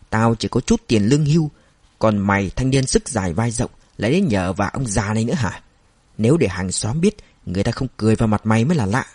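A man voicing an angry, drunken older father who berates his son loudly and with slurred words. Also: on the low side, no echo.

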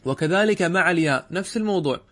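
A middle-aged man teaching Arabic grammar in a classroom lecture. He keeps asking rhetorical questions and answering them, and slows down to spell out example words. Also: sits high, expressive, a bit bright, no room sound.

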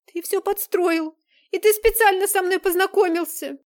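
A woman's voice: sits high, moderate pace, darkish tone. A woman reader voicing a frightened young woman who pleads and cries out in panic. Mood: panicked. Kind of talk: audiobook character reading.

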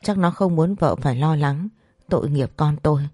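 A woman's voice: low voice, normal speed, warm tone, dry recording, clean studio sound. A woman voicing a distraught middle-aged mother who cries out and scolds reproachfully. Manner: crying, reproachful.

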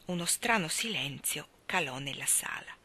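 A woman reading a novel aloud in an expressive, measured way. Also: deep voice, husky. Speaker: audiobook reader.

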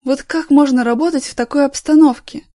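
A woman's voice: sits high, a little fast, warm tone, no echo, studio quality, voice pushed up, lightly acted. A woman voicing a fussy, squeamish female office worker who sounds exasperated and fawns over clients. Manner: exasperated, fawning on the phone.

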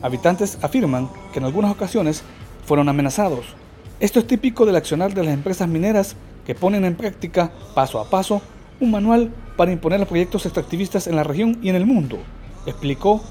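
A man reading a scripted radio news report in a measured, even way. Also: high-pitched, faint music behind. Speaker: field reporter.

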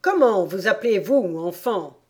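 A woman reading a storybook aloud and voicing a furious, imperious queen with shrill shouted commands. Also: animated, unhurried, natural voice. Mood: furious commanding.

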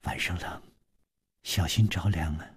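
A gentle young woman, soft-spoken and caring, who talks in a breathy, tender hush, as a male storyteller puts her on. Her voice is husky and slow. The recording is close and dry. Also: fairly low pitch, expressive, no room sound, exaggerated voice.

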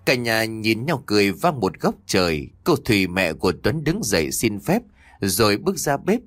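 A man's voice: lowish voice, sing-song, moderate pace, no echo, clean studio sound. A man narrating a ghost story with dramatic storytelling.

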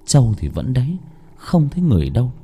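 Expressive male ghost-story narrator. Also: fast talker, husky, dull audio. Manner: expressive storytelling with a wide pitch range.

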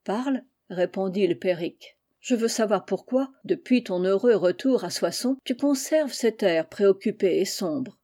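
A woman's voice: mid-range voice, lively intonation, a little slow, few pauses, mellow. A woman voicing a suspicious, fearful king in a storybook reading, firm and emphatic. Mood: stern. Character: suspicious, frightened old king.

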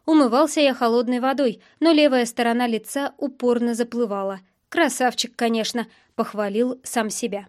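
A woman narrating a first-person novel in a steady, plain storytelling voice. Her pitch sits a bit high. She reads evenly as an audiobook narrator. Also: moderate pace, few pauses.

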